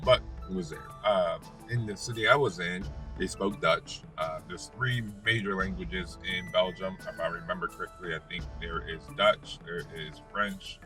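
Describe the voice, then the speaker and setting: An American man, a vlogger, casually telling a personal story in a halting, rambling way with self-corrections. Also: low voice. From United States. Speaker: vlogger and former basketball player. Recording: distant mic, music behind.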